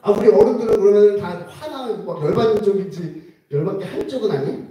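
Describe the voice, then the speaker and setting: A man preaching a sermon at a church retreat, playful and animated, acting out conversations and often laughing. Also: high-pitched, fairly quick. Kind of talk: lively sermon with acted-out dialogue. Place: retreat hall, indoors. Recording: roomy echo, mic heard from a distance.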